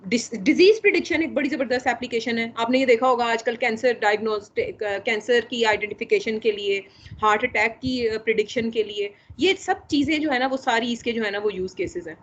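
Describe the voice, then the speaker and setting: A woman teaching a casual lecture, often filling pauses with a repeated tag phrase and mixing in English terms. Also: on the high side. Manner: frequent filler "jo hai na", mixing English terms. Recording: muffled lo-fi voice recording.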